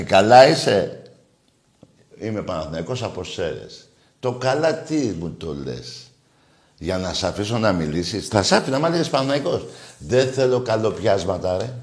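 Male radio host, low and lively voice, bantering with callers, roomy echo. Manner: animated storytelling, teasing callers. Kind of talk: casual call-in radio chat.

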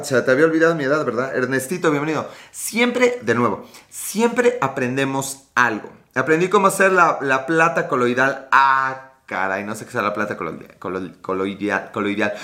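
A man's voice: on the high side, sharp tone. A Mexican man in his late thirties hosting a casual livestream, reading viewer comments in a scattered, joking, profane way. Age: late 30s. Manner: rambling, scattered, swears often. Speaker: livestream host.

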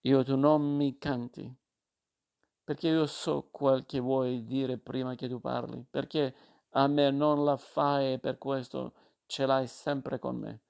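A man voicing a scornful, defiant older mother with a creaky voice. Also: mid-range voice, level tone, slow pace, darkish tone, muffled recording. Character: sharp-tongued proud older mother.

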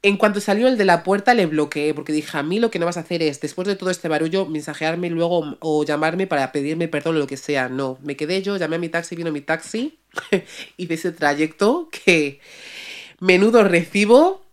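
A woman's voice: lowish voice, normal speed. Chatty woman telling a story. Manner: chatty, mixes in English words and slang. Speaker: podcast host. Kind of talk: casual storytelling.

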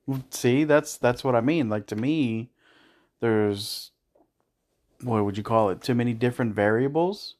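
A man's voice: medium pitch, unhurried, darkish tone. A man co-hosting a casual podcast chat with his partner, sarcastic and swearing casually. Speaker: podcast co-host.

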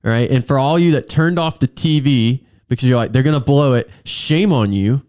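A man's voice: medium pitch, fairly quick, darkish tone, clean tone, no room sound, studio quality. An American man hosting a casual, joking talk podcast with a froggy, congested voice from a sinus infection, speaking in an emphatic, self-deprecating way. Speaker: podcast host.

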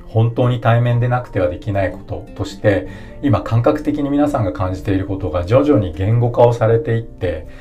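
A man with a low, mellow voice hosts a solo podcast in a calm, polite explanatory tone. Soft guitar music plays faintly behind him. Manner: calm, polite explanatory delivery listing points. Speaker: podcast host.

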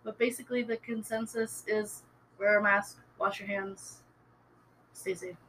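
A woman's voice: mid-range voice, fairly even intonation, a little slow, a bit bright, slight background noise, rough recording. A young woman co-hosting a podcast, explaining a topic hesitantly with many ums and likes. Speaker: podcast co-host. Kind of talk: casual chat.

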